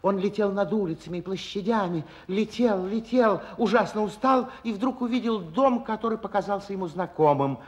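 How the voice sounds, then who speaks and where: An actor playing a playful magical storyteller, narrating a fairy tale in a theatrical, teasing and suspenseful way. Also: male voice, high voice, moderate pace, few pauses, a little mellow, dull audio, lightly acted. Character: playful magical storyteller addressing listeners and characters.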